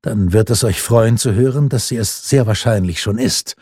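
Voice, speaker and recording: A man's voice: lowish voice, moderate pace, warm tone, slightly rough, no room sound, clean studio sound. A man voicing an indignant, startled king in a historical audiobook. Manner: indignant, incredulous. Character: flustered king, easily startled.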